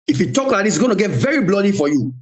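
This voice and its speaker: A man's voice: high voice, sing-song, rapid-fire, crowd noise. A man in a recorded voice note, issuing menacing, swearing threats and repeating himself over and over. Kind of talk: aggressive threats in a phone conversation.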